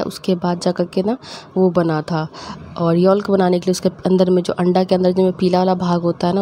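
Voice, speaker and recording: A woman's voice: fairly low pitch, dark tone, slight background noise. Chatty young woman with a lilt. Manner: chatty, laughs while telling family stories; acts out her mother's scolding in quick quoted bits. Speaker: cooking vlogger. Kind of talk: casual storytelling while cooking.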